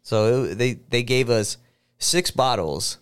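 A man's voice: medium pitch, lively intonation, slow, smooth. Chatty man in his thirties hosting a podcast. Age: 30s. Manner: chatty, laughs often, rambling. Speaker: podcast host. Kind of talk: casual chat.

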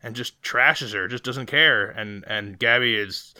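A man with a very bright, forceful voice and clean, crisp tone, recorded close and dry. He talks as a podcast co-host in a casual movie review, rambling and retelling scenes with animated asides. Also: medium pitch, unhurried, no room sound. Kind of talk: casual film review chat.

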